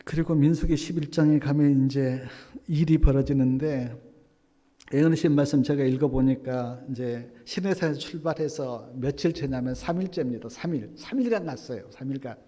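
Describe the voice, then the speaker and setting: A male pastor preaching a sermon, swinging from loud exclamations to hushed whispers and acting out quoted prayers. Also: mid-range voice, moderate pace. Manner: acts out quoted prayers and complaints. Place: church sanctuary. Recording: long hall reverb.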